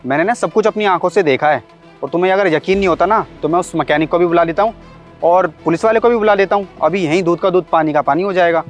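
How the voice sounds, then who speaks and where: A man insistently urges his sister-in-law in a scripted drama. His voice is high and fast-paced. Soft music plays underneath. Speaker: younger brother-in-law in a short drama. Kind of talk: scripted short-video drama acting. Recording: faint background music.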